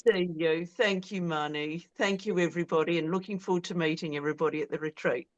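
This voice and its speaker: A woman with a New Zealand accent tinged with English and Australian sounds, chatting casually over a video call. Her voice sits fairly low for a woman, and her manner is self-deprecating and quick to laugh. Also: steady tone, highs cut off. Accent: New Zealand with English and Australian traces. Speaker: ukulele retreat co-facilitator. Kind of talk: casual interview chat.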